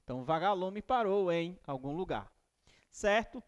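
Lively Brazilian male teacher at the board. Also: high voice, moderate pace. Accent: Brazilian Portuguese, northeastern. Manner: explains step by step, often repeating a phrase as a teaching pattern. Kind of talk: recorded classroom lesson. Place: classroom with whiteboard. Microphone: headset mic.

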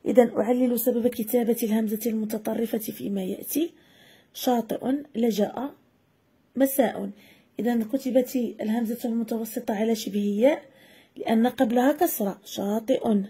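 Husky woman teacher, mellow voice, a bit high, reads out words slow and careful. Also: steady tone. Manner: slow, deliberate dictation of example words. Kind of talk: classroom grammar lesson. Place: video lesson voice-over.

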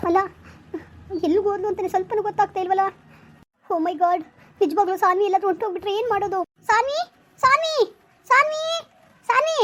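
A woman's voice: extremely high pitch, a little hiss or hum, pitched above the performer's own voice. A woman playing an anxious mother frantically searching for her daughter in a family drama skit. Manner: anxious, loud, calling out.

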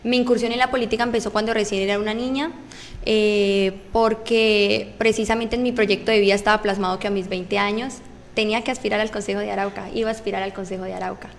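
A woman's voice: mid-range voice, fairly even intonation, fast, gravelly, slight background noise. Earnest young woman in studio. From Colombia. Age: 20s. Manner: earnest, formal, prepared. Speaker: council candidate. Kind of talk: interview answers. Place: small radio studio. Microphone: desk mic.

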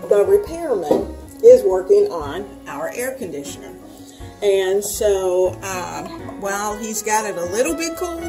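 A woman's voice: medium pitch, rough recording. A woman hosting a home cooking video, chatting casually and talking viewers through each step as she cooks in her kitchen.

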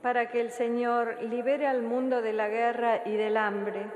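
A woman's fairly high voice reads the intercessions at Mass in a steady, measured way. A cathedral echo hangs around every word, and a long reverb trails behind each phrase in the big stone church. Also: lo-fi sound, a little hiss or hum. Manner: measured, even liturgical reading. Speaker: lay reader at Mass. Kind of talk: reading prayers of the faithful aloud. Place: large church.

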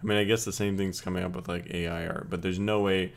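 A man's voice: low voice, little pitch movement, quick pace, gravelly, slight background noise. A young man co-hosting a podcast in casual chat, rambling and acting out his own thoughts as he talks. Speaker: podcast co-host, game developer.

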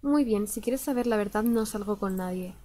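A woman's voice: mid-range voice, moderate pace, warm tone, a little hiss or hum, natural voice. A woman reading out the lines of a proud, haughty teenage girl rival in a disdainful tone.

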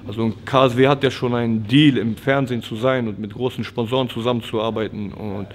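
Speaking a little fast in a mid-range voice, a twenty-something MMA fighter gives a relaxed interview inside a training gym. He often uses fillers and restarts his sentences.

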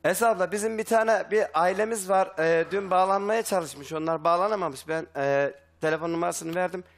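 A young man with a fairly high voice speaks as a studio guest, agitated and insistent. He retells conversations at length, stacking "I said" after every quote. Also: fairly quick. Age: young adult. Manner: agitated, retells dialogue with constant "dedim". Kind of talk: heated live testimony.

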